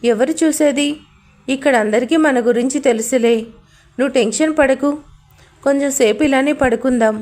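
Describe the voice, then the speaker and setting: A troubled young man in a storybook romance, talking in a pleading, strained way, as a woman narrator reads him. She keeps her own high voice, so he sounds high. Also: normal speed, darkish tone, lightly acted.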